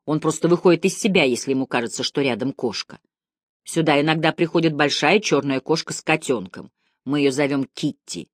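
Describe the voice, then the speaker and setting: A woman reading the part of a practical, protective older man, steady and matter-of-fact. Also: sits low, a little fast, dry recording, studio quality. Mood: calm.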